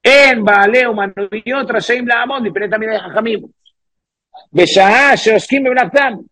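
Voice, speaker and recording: Husky high-voiced man teaching Talmud. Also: moderate pace, bright, forceful tone, no room sound. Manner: reads Hebrew and Aramaic phrases, then explains them with repeated "¿cierto?". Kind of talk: Talmud class explaining a text line by line.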